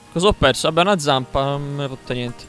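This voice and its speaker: A young man commentating his own gameplay live, excitable, repeating words in quick bursts and swearing when things go wrong. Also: a little high. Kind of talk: live let's-play commentary. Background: game music.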